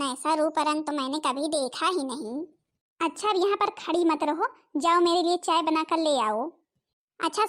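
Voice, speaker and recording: A woman's voice: extremely high pitch, a bit bright. A woman playing a scolding, nagging village mother-in-law and elder sister-in-law in a family skit.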